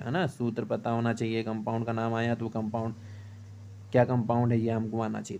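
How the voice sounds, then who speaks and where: Mellow-voiced man teaching chemistry. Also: mid-range voice. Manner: explains step by step, asks and answers his own questions; steady rhythm of short checks to the class. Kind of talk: exam-prep lesson.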